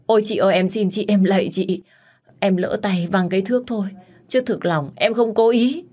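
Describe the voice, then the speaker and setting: A woman's voice: lowish voice, fairly quick, darkish tone, breathy edge. A woman voicing a pleading young teacher. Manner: pleading, tearful.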